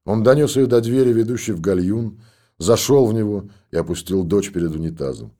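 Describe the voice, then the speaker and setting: Low-voiced male audiobook narrator. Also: fairly quick, dark tone.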